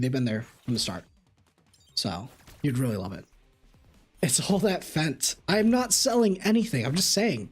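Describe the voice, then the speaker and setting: A male streamer plays a game while voicing chat questions and answering with plenty of animation. The voice carries a slight rasp and a fairly high pitch.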